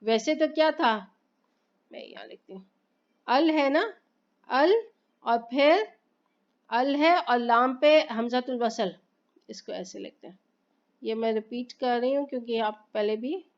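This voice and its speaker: A woman teaching Arabic grammar in a slow, explanatory lesson, asking questions and answering them herself and reciting phrases carefully. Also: high-pitched, muffled recording. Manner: patient, repeats points and asks herself questions.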